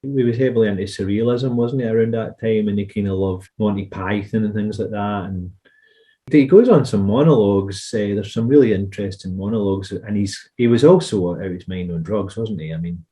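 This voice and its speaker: A Scottish man with a low, dark, mellow voice chats casually as a podcast co-host. He rambles from one thought to the next and drifts into asides. The tone stays relaxed and conversational. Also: a little fast. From Scotland. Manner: chatty, rambling, trails into asides. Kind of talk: casual chat.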